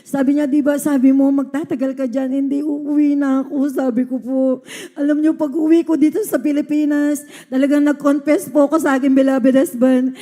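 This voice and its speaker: A woman's voice: sits high, flat delivery, normal speed, mellow. A woman from the Philippines giving an earnest testimony to a church congregation, often addressing her listeners as beloved.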